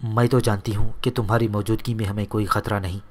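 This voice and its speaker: A man voicing a bold young woman who turns anxious and sharp with fear. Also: fairly low pitch, fairly even intonation, natural voice. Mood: fearful. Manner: anxious, stammering when afraid. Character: young woman, bold but frightened girl.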